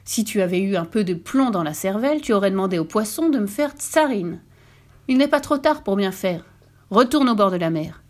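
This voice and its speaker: A woman's voice: medium pitch, expressive, a little fast, close to an everyday voice. A woman reading a storybook and voicing a greedy, domineering old peasant wife with a harsh, commanding voice. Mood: scornful.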